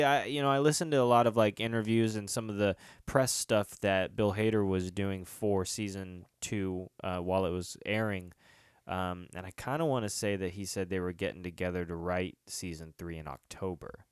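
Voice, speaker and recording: Man, low smooth voice, casual tv recap podcast host, rambling with fillers. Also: normal speed, dry recording, clean studio sound. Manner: rambling, lots of fillers and restarts.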